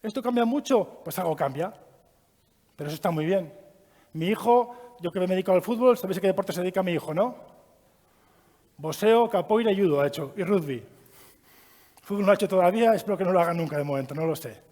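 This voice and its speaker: Lively man lecturing in a reverberant hall. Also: high voice, quick pace, pauses often. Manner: lively, asks the audience questions. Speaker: trainer giving a child-protection course. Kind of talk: live training talk.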